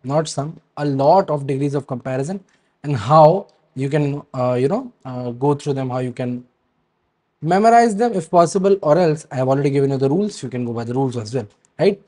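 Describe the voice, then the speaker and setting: A male teacher with a slightly high voice explains grammar rules to his students, frequently checking in with a quick "right?" and pausing to hesitate. He reads word lists in a steady rhythm that falls at the end of each set.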